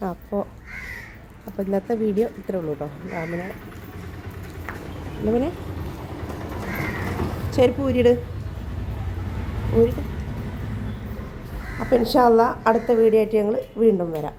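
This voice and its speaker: Malayali mum vlogging outside, teasing her kid, voice a bit rough from a cold, some faint background noise. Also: medium pitch, a little slow, long pauses. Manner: coaxing, teasing talk to her child. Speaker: vlogger, mother. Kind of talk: casual family vlog chat. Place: outdoors.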